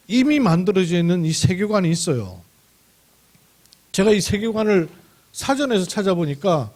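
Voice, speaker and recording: A man preaches in a church sanctuary, his voice pitched high for a man and swinging widely up and down. He hammers points with repetition and slows to draw out key words. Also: darkish tone. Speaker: pastor. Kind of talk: sermon.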